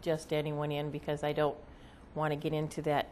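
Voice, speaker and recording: A woman speaking as a seance medium, casually explaining her trance channeling in an interview, halting and often checking with "okay?". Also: sits low, monotone, a little mellow, slight background noise.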